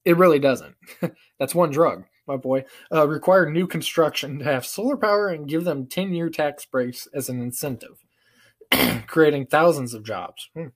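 Speaking at normal speed with a fairly high voice, this young adult American prank-call vlogger offers relaxed, slang-filled commentary and laughs as he talks. A webcam held at arm's length records him in a small living room.

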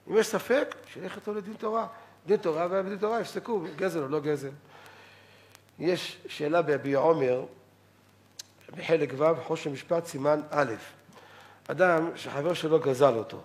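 Middle-aged male rabbi, lecture style, slightly high pitch, lively, quotes others in acted voices. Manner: animated, quotes others in acted voices, repeats words for emphasis. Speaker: rabbi giving a weekly Torah lecture. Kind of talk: Saturday-night halachic lecture.

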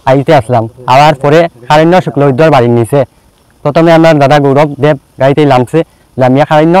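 A man speaks to camera in a brisk, smooth, resonant voice. He opens formally as a local resident, then slips into an everyday retelling, and the sound is dry and close. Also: fairly high pitch, darkish tone, no echo, poor audio. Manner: formal opening, then plain storytelling. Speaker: local resident giving a statement. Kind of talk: formal spoken statement.

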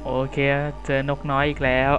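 A young man giving crude, jokey commentary over a horror game, swearing loudly at scares and joking to his viewers. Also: moderate pace, lo-fi sound. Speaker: gameplay commentator. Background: game music.

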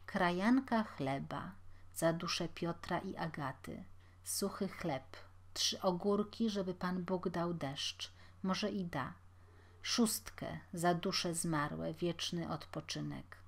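A woman's voice: medium pitch, sing-song, measured pace. A woman voicing a grumpy, stingy old male beggar who mutters and grumbles. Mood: muttering. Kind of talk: audiobook character voice.

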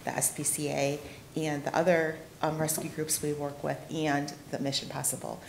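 Low-voiced woman speaking to council. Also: flat delivery, creaky, darkish tone. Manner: earnest, halting with restarts. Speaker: cat rescue volunteer addressing city council. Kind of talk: public comment at a council meeting. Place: council chamber. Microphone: desk microphone, camera at a distance. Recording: echoey council chamber, faint hum.

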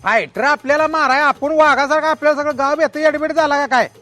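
A man's voice: very high voice, fast, bright, forceful tone, soft background music. A man with a Konkan Marathi accent playing a boastful, defensive village man in a comic web series.

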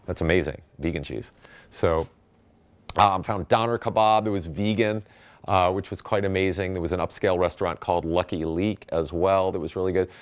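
A man with a very low, deep voice gives a chatty slide talk at a festival. He speaks with eager enthusiasm and often stumbles into fillers and restarts. He is picked up by a stage microphone. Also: fairly even intonation, moderate pace. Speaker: conference speaker. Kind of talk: casual presentation talk with slides.

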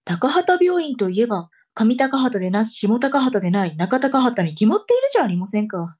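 Woman playing a high-voiced, bossy mother. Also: sing-song, brisk, a little mellow, slightly rough. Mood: brisk, instructing. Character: bossy, scolding mother sending children on errands. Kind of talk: comic tongue-twister reading drama.

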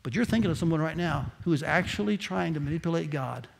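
Man, pastor, sermon, high voice, gravelly, direct, quiet asides and shouted peaks. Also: expressive, quick pace, slight background noise. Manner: direct preaching, swinging from quiet to shouted emphasis. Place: church sanctuary.

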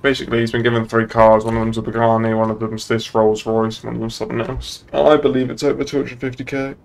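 A young British man with vocal fry talks fast in a level, medium-pitched tone over slight background noise. He is a streamer roleplaying as a moderator in an online game, chatting casually and swearing.

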